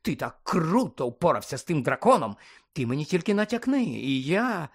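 A man reading aloud voicing an eager middle-aged male sports official who hesitates and fills pauses with ums. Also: a little high, big pitch swings, breathy edge, exaggerated voice. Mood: wheedling. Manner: hesitant, wheedling, full of ums.

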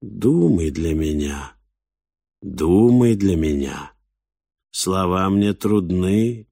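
A man voicing a wild talking boar that struggles for words, with a low, monotone, nasal drawl and a very slow pace. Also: gravelly, no echo, clean studio sound, full character voice. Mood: droning. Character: wild boar that speaks haltingly, strange and slow.

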